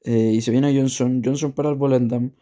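A man's voice: medium pitch, steady tone, moderate pace, warm tone. A man commentating on a football video game, going through plays and figures and often repeating words.

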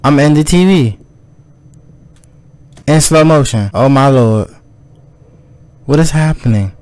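A man playing a horror game and reacting out loud, jumpy and exclaiming as he talks to himself. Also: on the high side, slow, no room sound. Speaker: gaming video host. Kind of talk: let's play commentary on a horror game.

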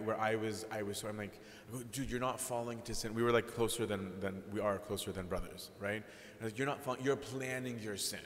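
A man's voice: on the low side, a bit bright. A male priest giving a conversational sermon, candid and self-deprecating, often checking in with "right?". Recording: echoey hall, faint background noise.

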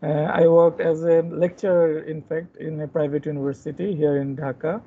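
A man's voice: a little high, level tone, normal speed. A man from Bangladesh giving a plain, orderly self-introduction as a new student over a video call. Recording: dull video-call audio.

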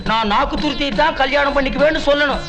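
A blustering fake swami. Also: male voice, extremely high pitch, fast, music in the background. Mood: scheming. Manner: scolding, then wailing in panic. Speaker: fake holy man in a film comedy.

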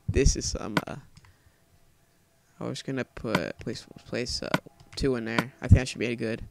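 A man's voice: medium pitch, fairly even intonation, takes it slowly, creaky, pauses often, very noisy. A young man swearing his way through a let's play, jumpy and panicky, talking to himself as he plays. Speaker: gamer.

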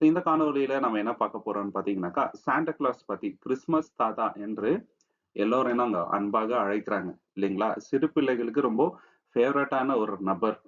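A man's voice: mid-range voice, fairly quick, fairly bright tone. Man preaching conversationally. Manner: conversational, addresses listeners with frequent tag questions. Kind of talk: sermon-style teaching video. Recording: slightly dull lo-fi recording.

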